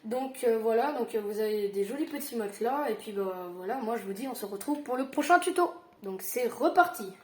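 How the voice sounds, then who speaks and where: A tired woman giving a casual Minecraft building tutorial, halting with fillers and self-corrections. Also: on the high side, expressive, echoey room.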